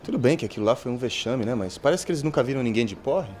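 A man's voice: medium pitch, animated, racing, darkish tone, a little hiss or hum, lightly acted. An actor playing an easygoing, observant young man in a telenovela, chatting casually with a Brazilian accent. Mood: relaxed, curious. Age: young adult. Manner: casual, conversational. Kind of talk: telenovela acting. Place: indoor café set.

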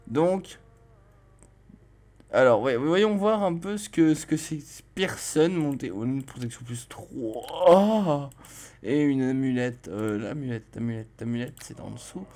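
A man playing a video game and commenting as he goes, reading dialogue aloud and joking, with sudden loud exclamations. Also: medium pitch, animated, slow pace, long pauses. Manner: chatty, jokey, exclaims loudly in surprise. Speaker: let's play host.

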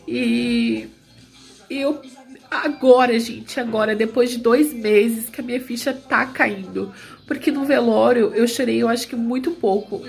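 A young woman speaks to her viewers in a confessional vlog, her voice somewhat high and gravelly with fry. She talks in a somber, halting way and keeps turning to them with small asides. Faint music plays underneath. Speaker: vlogger. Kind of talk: personal confessional retelling.

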